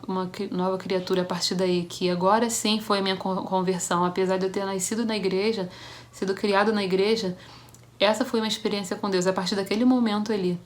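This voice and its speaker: A young woman from Brazil shares a personal testimony for a church devotional. She tells it as a story, with halting restarts, and acts out the voices of the people in it. Her voice sits at a middle pitch.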